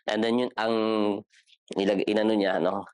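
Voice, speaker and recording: A man's voice: on the low side, fairly even intonation, moderate pace, no room sound, clean studio sound. A man with a Filipino accent teaching a Bible class in a casual, chatty way, questioning his listeners and joking. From Philippines. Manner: chatty, asks the class questions, jokes, code-switches. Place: church classroom.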